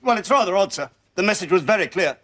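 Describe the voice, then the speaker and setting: An actor playing a prim, officious staff captain with a stiff, prissy manner, in a played-back TV comedy clip. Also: male voice, high voice, animated, quick pace, noisy background.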